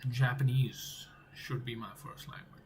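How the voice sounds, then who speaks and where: In his think-aloud coding vlog, a young non-native English-speaking game developer mutters through his code, repeating himself and letting sentences trail away. His medium-pitched voice is flat, measured, and a little mellow, with slight hiss or hum.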